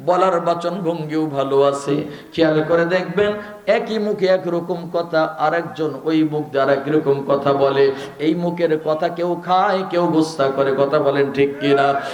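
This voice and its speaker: A man's voice: fairly high pitch, steady tone, measured pace, darkish tone, echoey room. A man preaching an emotional sermon, rising and repeating phrases and chanting verses in a melodic sing-song.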